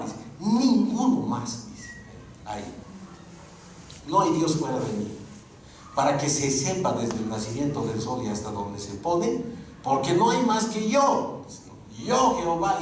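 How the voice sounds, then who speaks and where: Lively man teaching in echoey room. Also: a little high, measured pace. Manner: lively, rhetorical questions with frequent "¿no ve?". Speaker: Bible course teacher. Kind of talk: lecture to a class. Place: school classroom. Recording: very echoey room, mic far off, faint noise.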